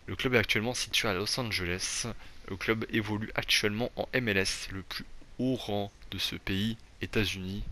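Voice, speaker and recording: Young male gaming YouTuber, low voice, loose rambling commentary, faint hum behind. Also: pushed and bright. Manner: rambling, many fillers and restarts; self-deprecating about his English accent. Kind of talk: casual gameplay commentary.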